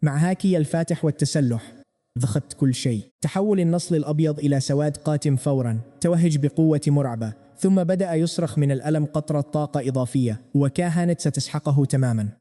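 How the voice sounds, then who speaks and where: A man narrating a comic recap as a scripted story, with dramatic, rapid delivery. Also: fairly high pitch, dark tone.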